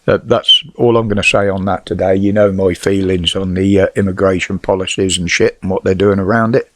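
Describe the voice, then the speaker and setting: Middle-aged British male, lowish voice, whistling sibilants, dry sound, blunt and sweary off-the-cuff commentator. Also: steady tone, brisk, fairly bright tone, no room sound. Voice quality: whistling s from false teeth. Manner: blunt, sweary, rhetorical questions. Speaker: vlogger giving news opinions. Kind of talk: casual opinionated news commentary.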